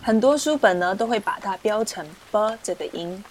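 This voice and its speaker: A woman teaching pronunciation, explaining patiently and repeating syllables slowly for learners. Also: medium pitch, lively intonation, slight background noise. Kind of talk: slow, clear teaching explanation with drilled syllables. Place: indoors, rain heard outside.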